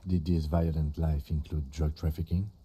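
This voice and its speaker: An actor playing a calm, stern police lieutenant in a video game, speaking in a measured, dry way that carries menace. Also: male voice, very deep voice, slightly rough, heavily acted. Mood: probing. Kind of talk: dramatic video game dialogue.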